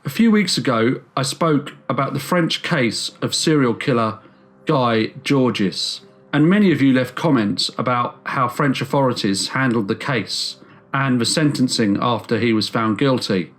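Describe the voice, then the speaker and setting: A man hosting a true crime channel, telling a case as a measured scripted narration with slow emphatic stresses. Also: mid-range voice.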